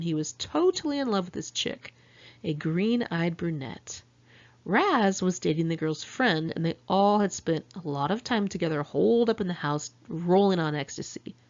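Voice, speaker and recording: Reading her own memoir, this middle-aged author from California, United States, speaks in a lowish, slightly mellow voice through a muffled recording. Her first-person diary storytelling is candid and wry, with sardonic asides.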